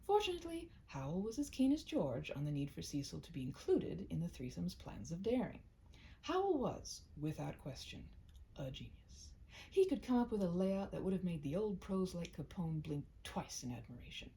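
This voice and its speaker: A lowish, creaky, mellow female voice moves at a moderate pace with a sing-song lilt over slight background noise. She's a storyteller and host who first chats cozily with the listener in roleplay, intimate and a bit self-conscious, before reading one of her own short stories aloud.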